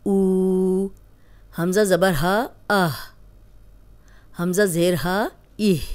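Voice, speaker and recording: A woman's voice: fairly low pitch, darkish tone. A woman teaching Quran reading in a patient, step-by-step lesson, with a Pakistani Urdu accent, repeating syllables in drills and quizzing the learner. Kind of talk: slow spoken lesson with drills.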